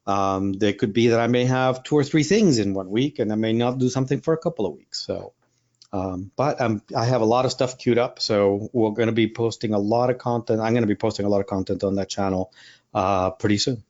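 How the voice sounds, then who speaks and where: A Spanish-speaking man from Puerto Rico, a wildlife photographer and workshop leader, chats casually in an interview, rambling with lots of fillers and restarts. His voice is lowish, brisk and a little mellow, and the sound is lo-fi.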